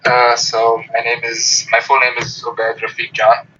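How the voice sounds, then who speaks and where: A man's voice: medium pitch, monotone, moderate pace, sharp tone, slight background noise. A young man from Pakistan, a student guest on a podcast, speaking hesitantly with many fillers. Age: young adult. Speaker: guest, former student council president. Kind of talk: casual interview. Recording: dull lo-fi home recording.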